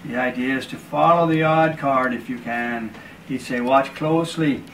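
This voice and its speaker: A magician telling a story as patter while doing a card trick, in a slow, deliberate storytelling manner. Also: male voice, mid-range voice, steady tone, fairly bright tone, recorded from a distance, slight background noise, low-quality recording.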